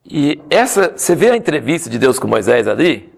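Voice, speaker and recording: A male preacher retells the story in a lively, humorous way. His voice sits fairly high and swings widely in pitch. A gravelly, creaky texture runs through it. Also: brisk. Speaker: pastor. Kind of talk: sermon.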